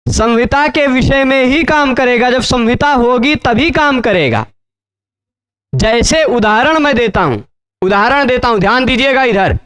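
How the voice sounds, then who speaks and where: A man's voice: extremely high pitch, expressive, a little slow, fairly bright tone, clear, resonant tone. A man teaching Sanskrit grammar in a lecture, explaining step by step, repeating key phrases and asking checking questions.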